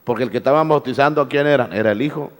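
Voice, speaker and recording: A man's voice: medium pitch, fast, big-room sound. A male pastor preaching a sermon, firing rhetorical questions at the congregation and repeating his words. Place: church.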